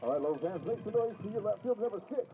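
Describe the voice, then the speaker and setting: Booming, pumped high-pitched male stadium announcer. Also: animated, racing, noisy background. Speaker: stadium public address announcer. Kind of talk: ballpark batter introductions to fans.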